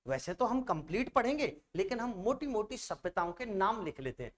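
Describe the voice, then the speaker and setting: Chatty coaching teacher. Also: male voice, high voice, big pitch swings, fairly quick. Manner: chatty, asks students rhetorical questions, keeps checking in. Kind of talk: online exam-prep coaching lecture.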